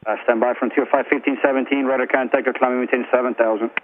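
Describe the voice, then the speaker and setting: A man's voice: mid-range voice, flat delivery, fast, a crowd in the background. A man working as an air traffic controller, giving formulaic instructions over aviation radio. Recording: tinny, noisy aviation radio heard in headset.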